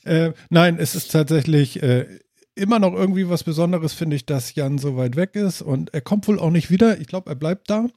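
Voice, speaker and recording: A man's voice: on the high side, moderate pace, dark tone, dry recording, studio quality. A man hosting a podcast, chatting casually in a jokey, rambling way. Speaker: podcast host. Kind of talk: casual chat.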